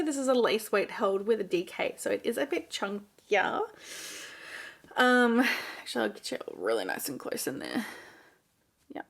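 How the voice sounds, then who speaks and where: A woman's voice: fairly high pitch, gravelly. A woman with an Australian accent, chatting casually in a knitting vlog, rambling with lots of fillers and restarts. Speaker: knitting vlogger. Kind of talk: casual chat.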